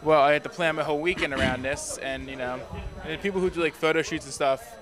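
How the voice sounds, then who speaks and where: A man's voice: on the high side, steady tone, fast talker. Laid-back man over crowd chatter. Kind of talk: casual convention recap chat.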